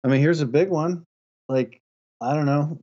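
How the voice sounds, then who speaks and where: A man's voice: on the high side, moderate pace, mellow. A man co-hosting a podcast in casual, easygoing, joking chat. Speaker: podcast co-host. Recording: slightly dull, lo-fi audio.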